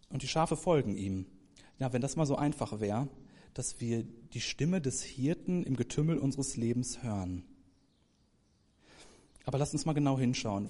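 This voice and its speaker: Guy preaching a sermon to the congregation, middle voice, gets loud on the big points then goes soft. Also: mid-range voice. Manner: addresses congregation directly, swells for emphasis then drops soft.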